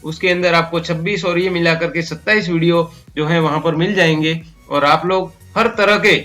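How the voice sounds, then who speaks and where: Male teacher, Rajasthani Hindi accent, slow letter-by-letter explaining, bright voice, light music bed. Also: on the high side. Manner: slow, spells out letters one by one. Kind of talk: spoken English pronunciation lesson.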